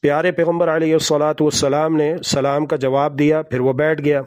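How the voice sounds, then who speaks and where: A man giving a religious lesson in a slow, deliberate manner. He recites Arabic scripture and addresses his listeners directly as brothers and sisters. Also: a little high, flat delivery, darkish tone. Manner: slow, deliberate, with measured pauses; recites Arabic hadith and Quran verses. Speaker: Islamic preacher.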